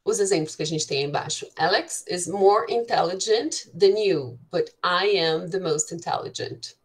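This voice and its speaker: A woman teacher with a Brazilian Portuguese accent explaining English grammar in an online class, reading English examples slowly and often checking in with "né". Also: fairly low pitch. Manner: switches between Portuguese and slow, carefully spoken English examples; frequent filler "né" checking with students.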